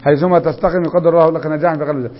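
A man with an Egyptian accent teaching Arabic grammar, quizzing students and reciting examples slowly and drawn out. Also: fairly high pitch, fairly even intonation. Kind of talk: classroom grammar lesson. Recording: echoey hall, dull lo-fi sound.

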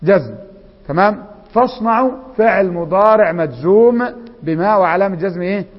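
A man with an Egyptian accent teaching Arabic grammar, quizzing students and reciting examples slowly and drawn out. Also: high-pitched. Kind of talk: classroom grammar lesson. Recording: echoey hall, dull lo-fi sound.

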